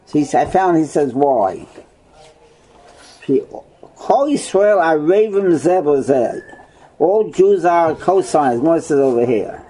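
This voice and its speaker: A man's voice: high-pitched, warm tone, slight background noise, rough recording. A man teaching a Torah study lesson, asking and answering his own questions and repeating himself. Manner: repeats phrases, checking with "right?". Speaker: religious teacher.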